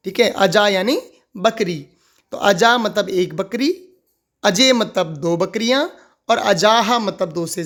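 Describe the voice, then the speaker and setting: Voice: mid-range voice, fairly bright tone. A teacher explaining a grammar lesson, asking questions aloud and answering them, repeating each key word several times. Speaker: Sanskrit teacher.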